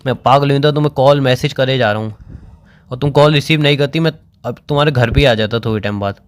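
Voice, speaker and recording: A man's voice: medium pitch, quick pace. A young man on a phone call, tearful and crying, pleading insistently and repeating himself. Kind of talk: emotional phone conversation. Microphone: phone call recording.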